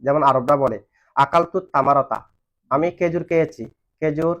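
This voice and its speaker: With a fairly high, slightly bright voice at normal speed, this man leads a classroom lesson on Arabic grammar. The lo-fi recording sounds dull, and he poses questions, pausing for students to respond.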